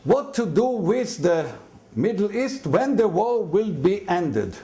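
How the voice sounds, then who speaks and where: A man in his seventies or older, born in Mandate Palestine, giving a university lecture in an explanatory, halting way with many fillers and restarts. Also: high-pitched, very animated, warm tone. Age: 70s or older.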